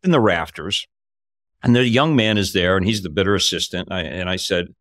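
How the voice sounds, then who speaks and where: Telling a story casually on a video call from a home office, this older podcast host speaks briskly in a voice that sits low but climbs when he's excited. The sound is studio quality with no echo.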